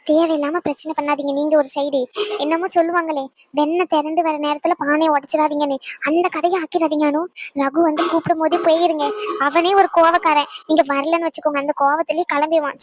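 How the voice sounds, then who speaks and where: A woman's voice: high voice, steady tone, fairly quick, slight background noise, close to an everyday voice. A woman voicing a young woman in a cartoon who coaxes and persuades a friend. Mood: coaxing. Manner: coaxing, persuasive.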